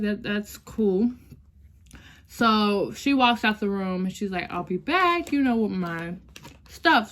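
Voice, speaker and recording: A young woman vlogger with a fairly high pitch tells her viewers an emotional story about herself. She keeps it loose and chatty, repeatedly addressing them as y'all, and now and then sounds ready to cry.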